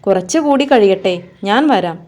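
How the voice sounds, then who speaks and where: A woman's voice: medium pitch, normal speed, lightly acted. A woman voicing a playful pleading kite boy. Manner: coaxing, excited.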